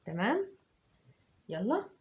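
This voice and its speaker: An Egyptian woman teacher dictating words to children, patiently breaking them into drawn-out syllables and repeating them. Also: medium pitch, very animated, a little mellow, lo-fi sound, slight background noise. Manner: slow, syllable by syllable, drawn-out sounds.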